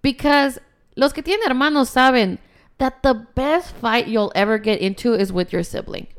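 Clear, higher-voiced woman co-hosting a podcast. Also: unhurried. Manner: switches between Spanish and English, slangy. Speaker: podcast co-host. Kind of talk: casual chat, bantering.

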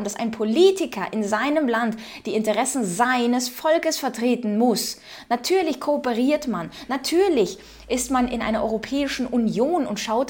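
A woman from Ukraine with a fairly high voice hosts casual political commentary. She reads out news quotes and answers them with strong opinions, directly addressing her viewers.

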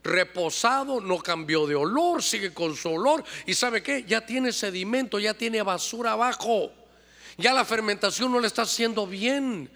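A man's voice: sits high, sharp tone. A middle-aged man preaching a sermon as pastor, calling out to the congregation and drawing them into call-and-response. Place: church. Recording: long church-hall reverb.

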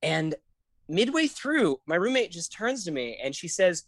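A woman's voice: lowish voice, sing-song, unhurried, a little hiss or hum. A woman co-hosting a casual film podcast, gushing and swearing freely as she talks. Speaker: podcast co-host. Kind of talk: casual film review chat.

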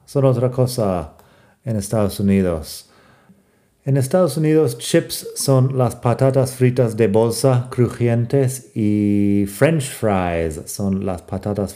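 Slow, low-voiced American man teaching. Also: mellow. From United States. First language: English. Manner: slow, careful, spells words out letter by letter. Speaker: language teacher. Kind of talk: podcast lesson.

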